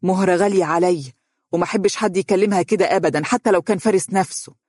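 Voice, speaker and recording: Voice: medium pitch, quick pace, a little mellow, dry recording, clean studio sound, close to an everyday voice. A narrator voicing a stern, protective older mother in an audiobook story, firm and reproachful in Egyptian Arabic.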